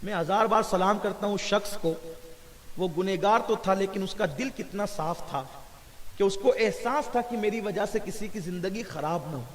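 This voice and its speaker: A male preacher telling a story in a sermon to a gathering, impassioned and swelling louder at the religious high points. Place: large gathering hall. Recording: reverberant hall with faint hiss.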